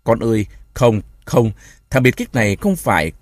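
A man's voice: medium pitch, sing-song, no room sound, studio quality, natural voice. A man voicing a grieving old mother in a storybook reading, speaking firmly and steadily. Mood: anguished. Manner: slow, firm, then crying out.

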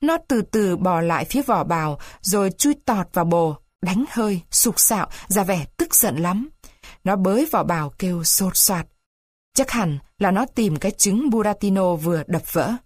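Expressive woman reading a storybook. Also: on the low side, moderate pace, dry recording. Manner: expressive, varied pacing. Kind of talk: storybook read-aloud.

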